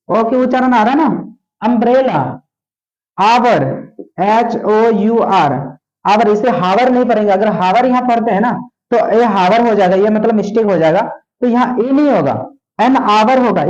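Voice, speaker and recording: A man teaching English grammar, talking slowly, repeating words and asking his students questions. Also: very high voice, a little mellow. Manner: slow, repeats words and asks the class questions. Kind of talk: classroom lesson explaining articles. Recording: echoey room, dull lo-fi sound.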